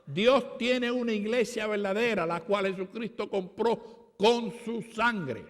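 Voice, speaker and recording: A man's voice: sits high, takes it slowly. A Puerto Rican man preaching a sermon at a conference, with emphatic, repeated declarations. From Puerto Rico. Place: conference hall. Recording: long hall reverb.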